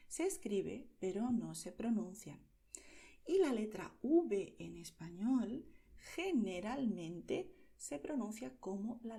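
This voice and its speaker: A woman from Spain with a Spain Spanish accent, teaching pronunciation to learners slowly and clearly, often checking in with "¿vale?". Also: medium pitch, dark tone. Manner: slow, clear, over-articulated, checks in with "¿vale?".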